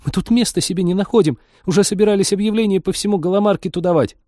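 A man's voice: fairly high pitch, sing-song, normal speed, darkish tone, no room sound, studio quality, voice pushed up. A man voicing an exasperated young woman who talks sharply. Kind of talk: audiobook character voice.

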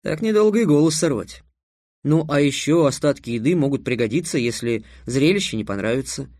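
A man narrating an audiobook in a steady, wry storytelling manner. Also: mid-range voice, brisk, no echo, clean studio sound. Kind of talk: scripted narration.

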